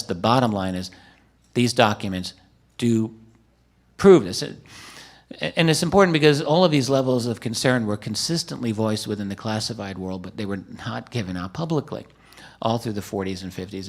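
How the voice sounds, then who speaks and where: Male witness, lower voice, earnest and emphatic, prepared statement with some ad-libs. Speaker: witness testifying at a hearing. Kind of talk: prepared testimony with some ad-libbing. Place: conference room podium.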